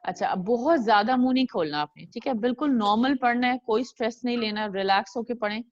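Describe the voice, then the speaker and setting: A woman teaching a recitation lesson over a video call, modeling words slowly and patiently for a student to repeat. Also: a little high, no room sound, muffled recording. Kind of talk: online tajweed lesson.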